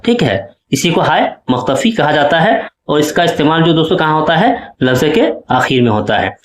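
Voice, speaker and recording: A man's voice: fairly high pitch, reverberant. A male teacher explaining exam questions step by step and often checking that his students follow. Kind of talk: exam-prep lesson.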